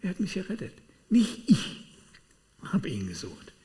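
A man preaching a sermon, telling personal testimony in an animated way with sudden swings between loud and quiet. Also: on the high side, measured pace. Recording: long hall reverb.

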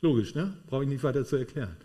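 A man's voice: mid-range voice, lively intonation, fast talker, mellow. A man preaching a sermon to a congregation in a room, emphatic and checking in with tag questions.

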